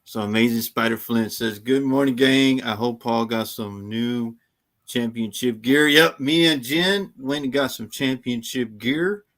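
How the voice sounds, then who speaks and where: A man's voice: mid-range voice, measured pace, a bit bright. A man hosting a casual livestream chat, teasing his co-hosts with mock indignation. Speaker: show host.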